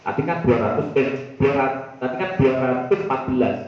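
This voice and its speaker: Preacher in an echoey hall. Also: male voice, medium pitch, expressive, brisk, slight background noise. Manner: addresses the listener as "Pak", repeats phrases for emphasis. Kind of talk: Islamic study sermon. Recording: very echoey hall, dull muffled sound.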